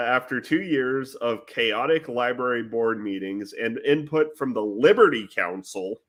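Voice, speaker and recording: A man's voice: medium pitch, fairly bright tone. A man co-hosting a podcast, reading news articles aloud and chatting easily. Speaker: podcast co-host.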